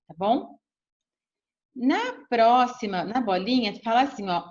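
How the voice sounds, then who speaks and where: Woman teacher, patient step-by-step explainer, animated higher voice, dull lo-fi recording. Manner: checks in with "tá bom?" and "ó". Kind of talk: recorded remote lesson.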